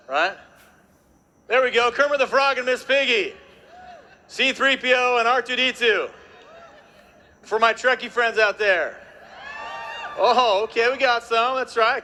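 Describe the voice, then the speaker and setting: Man, stage presenter, high voice, live audience banter, lots of "right?". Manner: energetic, jokey crowd work, many tag questions.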